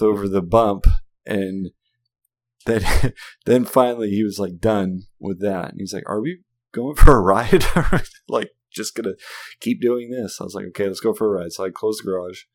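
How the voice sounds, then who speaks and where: A man's voice: fairly low pitch, fairly even intonation, normal speed, darkish tone. A man in his thirties, a father, telling a story in casual chat, laughing often and swearing casually.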